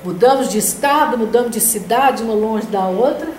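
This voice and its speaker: Older woman, slightly high voice, conversational storytelling, study group facilitator, echoey room, background noise. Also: moderate pace, a little mellow. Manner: anecdotal, conversational, frequent "né?". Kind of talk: spiritist study group talk. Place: meeting room of a spiritist center. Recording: roomy echo with background noise.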